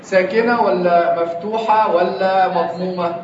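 An Egyptian man teaches a grammar lesson in class, quizzing his students with question after question. His voice sits high and steady at a moderate pace, and the recording is distant, dull, and lo-fi with classroom echo.

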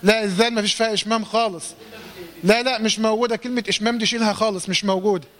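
High-voiced Egyptian man teaching recitation. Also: steady tone, fairly bright tone. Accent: Egyptian Arabic. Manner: quizzes, corrects, then recites verses slowly and drawn-out. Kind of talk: tajweed lesson, call-and-response drilling.

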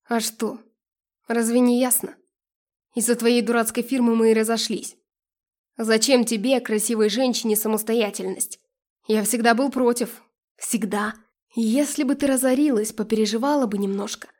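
A woman's voice: fairly high pitch, fairly even intonation, moderate pace, darkish tone, natural voice. A woman voicing a jealous, pushy ex-boyfriend in an audiobook reading. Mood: resentful. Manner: resentful, pushy. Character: jealous scheming ex-boyfriend, adult man.

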